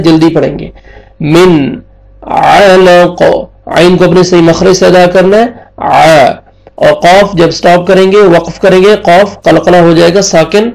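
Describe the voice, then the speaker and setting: A man with a Pakistani Urdu accent gives a patient recitation lesson. His voice sits fairly high and has a gravelly edge. He stretches each verse out in slow chant, then explains the rules in quicker everyday talk. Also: darkish tone, rough recording. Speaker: Quran tajweed teacher.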